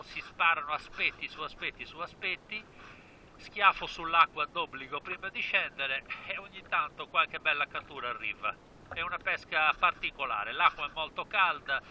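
Brief: fifties male vlogger, bright, forceful voice with a lifted pitch, eager and repetitive, filmed on an action cam outside with faint water noise. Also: rough recording. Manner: enthusiastic, repeats phrases. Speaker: spearfishing vlogger. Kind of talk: casual vlog narration to camera. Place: outdoors by the sea, then in the water.

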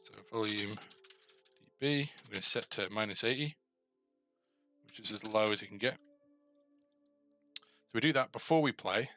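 Working through code in his casual tutorial series, a middle-aged game developer thinks aloud and asks himself questions. He talks at normal speed in a lowish, sharp-toned voice with long pauses, over soft background music.

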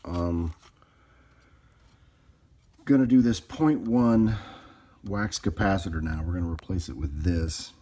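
Working at a bench indoors, a man demonstrates his hobby repairs in an off-the-cuff tutorial, thinking out loud. He talks slowly in a low, dark voice with long pauses, over a little hiss or hum.

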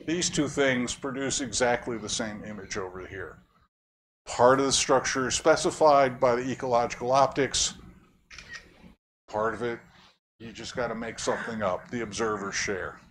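This lecturer's voice is mid-range and a bit bright, with a steady tone and normal speed. Speaking in a lecture room, he presents academic material conversationally, questions people in the audience, and slips in wry humor.

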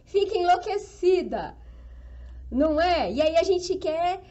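A Brazilian woman with a high, bright-sounding voice runs a live stream as a flower-arranging instructor. She talks with upbeat, motivational enthusiasm and keeps turning to her audience for agreement while she handles the flowers. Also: lively intonation, slow pace, muffled recording. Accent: Brazilian Portuguese.

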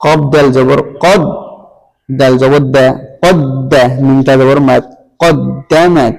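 A man teaching Quran reading, patiently spelling out each syllable and blending them in a slow, repetitive drill. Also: mid-range voice, steady tone, creaky, a little mellow. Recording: long hall reverb.

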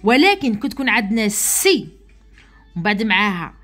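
A woman with an Algerian Arabic accent teaching English letter sounds to young pupils in an online lesson, patient, repeating sounds slowly and often checking that they follow. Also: mid-range voice, big pitch swings, fairly bright tone, faint music behind.

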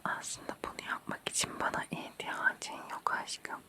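An ASMR host performs a whispered role-play in a quiet, late-night hush. The delivery is very slow and gentle. Words are repeated soothingly to coax and reassure the listener toward sleep. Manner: hushed, quiet night-time bedtime whisper, slow and repetitive.

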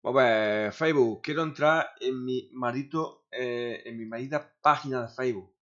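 Grumbling streamer, lo-fi sound. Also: male voice, medium pitch, normal speed, a bit bright. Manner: grumbling, swears often, talks to himself. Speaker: gaming streamer. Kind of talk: casual streaming chatter. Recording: dull lo-fi sound.

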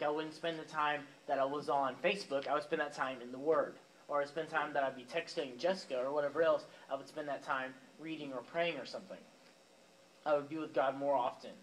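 In a church youth room before a live audience, a young male youth pastor gives a laid-back sermon, addressing the teens directly and sprinkling in fillers and side comments. His voice is on the high side. Slight background noise comes through on a rough recording.

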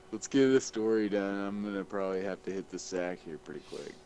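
Deep-voiced laid-back man gaming. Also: a little mellow, a little hiss or hum. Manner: laid-back, laughs often, teasing. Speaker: gamer co-op player. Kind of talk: casual gaming chat.

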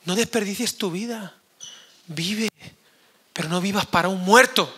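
Hoarse pastor guy, super bright high voice, lively youth sermon in a church. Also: measured pace. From Spain. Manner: animated, jokey, acts out quoted voices. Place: church hall.

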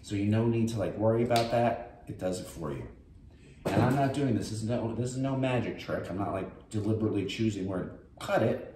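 A man's voice: on the low side, fairly quick, warm tone. An older man, chatting casually as he cooks and talks through each step in his home kitchen. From New York. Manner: chatty, rambling, health-focused asides. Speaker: host. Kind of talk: casual cooking demonstration. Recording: echoey kitchen with noise.

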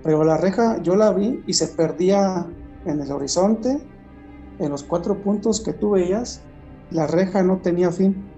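A man giving a personal testimony in conversation, telling his story in a halting way with frequent restarts. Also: high voice, warm tone, lo-fi sound, faint music behind.

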